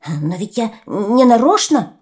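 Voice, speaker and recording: A woman voicing a flustered male pheasant who protests loudly in a raised voice. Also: very animated, measured pace. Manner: loud, high, clucking protests. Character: flustered wild male pheasant, excuse-making.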